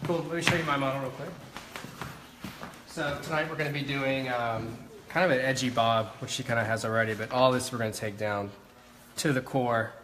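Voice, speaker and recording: American male host, rapid casual delivery, mid-range voice, echoey noisy room. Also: medium pitch, fairly even intonation, fairly bright tone. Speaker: host, hairdresser. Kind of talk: casual live event hosting. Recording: echoey salon with clear background noise.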